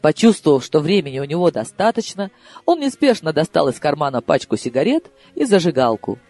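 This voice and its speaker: A man reading an audiobook in the first person, theatrical and shifting between hushed asides and excited outbursts. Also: fairly high pitch, a little fast. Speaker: audiobook reader. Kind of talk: expressive audiobook narration. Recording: dry close mic with faint music.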